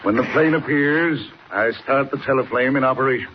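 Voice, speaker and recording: Actor as sinister Professor Hagen, noisy old radio. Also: male voice, mid-range voice, a little fast, lo-fi sound, lightly acted. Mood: menacing. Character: sinister gloating male professor, inventor of deadly machine. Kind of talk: 1940s radio serial acting.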